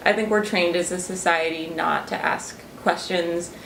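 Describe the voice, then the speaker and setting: During an interview, a young student researcher talks thoughtfully about her work, full of fillers and restarts. Her voice is fairly low, creaky and fairly bright, with fairly even intonation at a normal speed. The recording is roomy and a little distant, with faint ambience and slight background noise.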